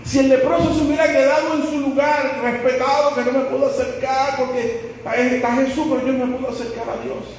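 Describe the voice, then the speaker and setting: A man's voice: extremely high pitch, level tone, brisk, slight background noise. Male pastor, dramatic storytelling sermon, heavy echo in a big church hall. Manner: dramatic storytelling, acting out the people in the stories. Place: church sanctuary. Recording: echoey church hall, voice from far off.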